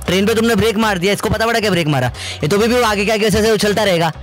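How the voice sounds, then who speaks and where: A man's voice: high-pitched, very fast. A male physics teacher in playful quiz banter, teasing and insisting every question is simple.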